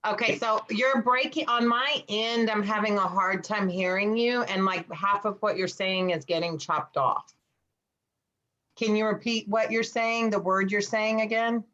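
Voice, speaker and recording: Bright-voiced woman asking pointed questions. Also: mid-range voice, fairly even intonation, unhurried. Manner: direct, asks clarifying questions. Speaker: study group member. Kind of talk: casual group discussion. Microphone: video call. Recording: muffled video call audio.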